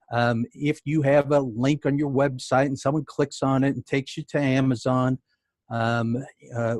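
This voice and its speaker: Speaking in a mid-range, slightly mellow voice with no echo, a sales tax consultant with a New York accent presents a webinar. His delivery is conversational, full of fillers and wry jokes.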